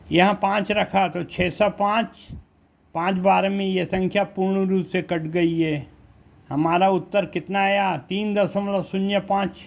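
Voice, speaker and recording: Male math teacher, high voice, slow steady explaining, rhetorical questions, from India. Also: gravelly. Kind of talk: classroom math lesson.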